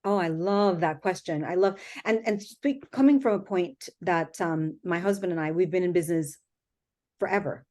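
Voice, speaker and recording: A woman's voice: on the low side, normal speed, darkish tone. A middle-aged woman from Jamaica with a Jamaican accent, chatting easily as a guest in an interview, often laughing. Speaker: guest, company founder. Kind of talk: casual interview talk.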